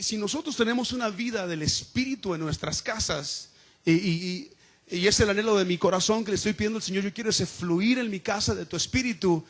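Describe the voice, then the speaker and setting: Man, pastor, sermon, conversational, earnest, high-pitched. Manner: earnest, conversational preaching with frequent rhetorical questions. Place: church.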